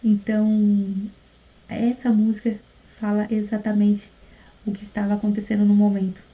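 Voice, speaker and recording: A woman's voice: mid-range voice, completely flat delivery, normal speed, mellow, poor audio. A woman tells a faith testimony in a casual vlog, earnest and chatty, often speaking straight to her viewers. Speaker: YouTuber sharing a faith testimony. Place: at home late at night, husband in the next room.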